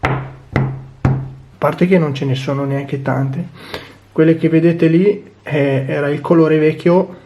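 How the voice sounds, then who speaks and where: Uomo dalla voce piuttosto acuta, tutorial informale. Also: male voice, on the high side, steady tone, slow pace, long pauses, mellow, reverberant, lo-fi sound, faint music behind. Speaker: craft tutorial host. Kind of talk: casual hands-on DIY commentary.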